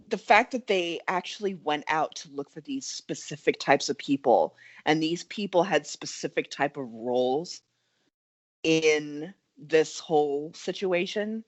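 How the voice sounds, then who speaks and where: A woman co-hosting a podcast in casual movie talk, animated and quick to agree. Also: low voice. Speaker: podcast co-host.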